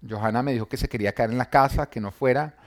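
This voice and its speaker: A man's voice: mid-range voice, racing. A man earnestly telling his personal faith testimony, recounting scenes and quoting what people said. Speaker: church member giving testimony.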